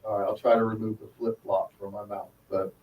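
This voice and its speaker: A man co-hosting a talk radio discussion, making an earnest argument, his voice thin and tinny with no bass. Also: flat delivery, brisk. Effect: thin tinny sound with no bass, like a tin can. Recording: distant tinny mic with faint noise.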